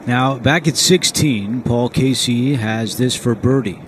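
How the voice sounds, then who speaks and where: A man's voice: mid-range voice, slow. Male golf commentator over outdoor noise. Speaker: golf commentator, lead announcer. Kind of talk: live golf tournament commentary. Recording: steady outdoor background noise.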